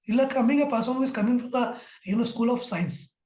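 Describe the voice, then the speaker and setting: A middle-aged guest with an Indian English accent retells an old story loosely and ramblingly, filling it with "you know." He talks fast in a husky, fairly high, slightly mellow voice. The audio comes over a video call from an echoey room.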